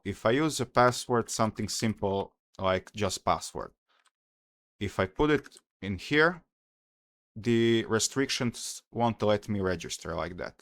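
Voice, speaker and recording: A young man from Croatia with a Croatian accent, calmly and methodically walking through a security tutorial, pausing with "uh" as he explains. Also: on the low side, dry recording, clean studio sound. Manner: careful, methodical explaining with frequent "uh" pauses. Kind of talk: screen-recorded hacking tutorial.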